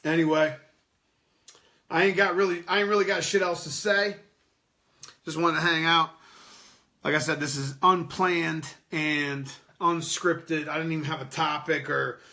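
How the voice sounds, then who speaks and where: Bright-voiced rambling podcast host, a man. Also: on the high side. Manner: loose, rambling and profane, laughing often. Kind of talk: unscripted casual chat with live chat readers.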